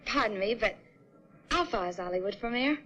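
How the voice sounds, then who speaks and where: A woman's voice: medium pitch, animated, brisk, a bit bright, soft background music, lightly acted. An actress playing a friendly young woman traveler who chats politely in an old film. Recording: dull 1960s film audio.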